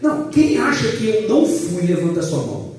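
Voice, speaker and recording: A man, a pastor teaching a Bible class in a loud, animated way, joking with the class and putting questions to them. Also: high-pitched, moderate pace. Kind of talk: lively church class lecture. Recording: echoey room, voice from a distance.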